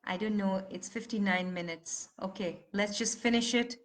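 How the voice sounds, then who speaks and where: A woman's voice: mid-range voice, steady tone, moderate pace. A woman leading a live online voice workshop, talking students through feelings and breaking into emotive vocal sounds. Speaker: voice teacher.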